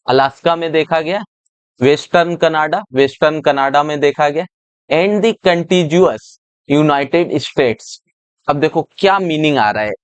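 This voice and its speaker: A man teaching English for an exam, explaining a reading passage step by step and reading its English lines out slowly. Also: on the high side, smooth, no echo.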